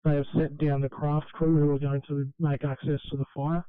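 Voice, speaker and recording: A man's voice: on the high side, little pitch movement, moderate pace, clean tone, no room sound. A man working as an emergency operations dispatcher, speaking in procedural style over two-way radio. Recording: narrow, tinny emergency radio channel.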